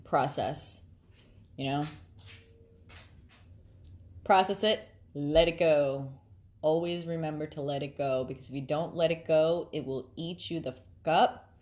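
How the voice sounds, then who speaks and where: Chatty low-voiced woman venting at night. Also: a little slow, pauses often, slight background noise. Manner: chatty, laughs often, calm reflective advice. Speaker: vlogger. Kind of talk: casual late-night vent to viewers.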